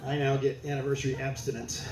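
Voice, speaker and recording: A man's voice: mid-range voice, fast talker. A man doing stand-up comedy, telling a story in a dry, conversational, punchy way. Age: older. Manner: deadpan, conversational, punchy delivery. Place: comedy stage before a laughing audience. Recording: echoey club room, faint hiss.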